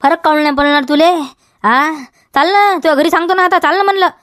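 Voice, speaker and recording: A woman's voice: extremely high pitch, fast, a bit bright, no echo, studio quality. A woman with a Vidarbha Marathi accent playing a scolding village farmer who nags and keeps tagging questions onto every line, in a comedy sketch. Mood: insistent. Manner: nagging, repeats demands, keeps tagging "हा?". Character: scolding village farmer man guarding his field.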